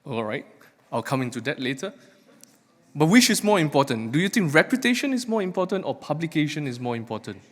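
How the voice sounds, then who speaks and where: A man's voice: on the high side, very animated, brisk. A man giving a short live academic talk, emphatic and questioning as he addresses the audience. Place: large hall, speaking to a live audience. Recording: echoey hall with long reverb.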